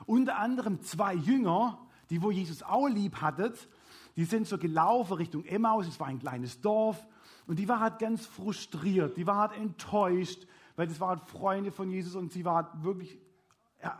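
A male pastor giving an animated children's sermon in church and asking the kids questions. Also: sits high, slightly rough. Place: church with livestream.

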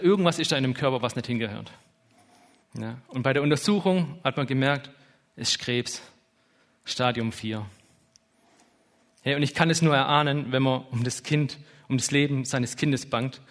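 Pausing often, a man in his thirties preaches from the heart at a moderate pace. His sermon is informal and emotional, full of interjections like "hey" and "ja," and his mid-range voice sounds a bit bright.

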